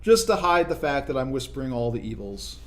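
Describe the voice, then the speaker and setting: A young man talks through a strategy game as he plays, explaining each move in a relaxed, conversational way. His voice sits at an ordinary middle pitch, and he keeps checking in with the listener as he reasons out loud. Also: brisk. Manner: conversational, explanatory, frequent "right?" tag questions. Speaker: gaming video commentator. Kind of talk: casual gameplay commentary.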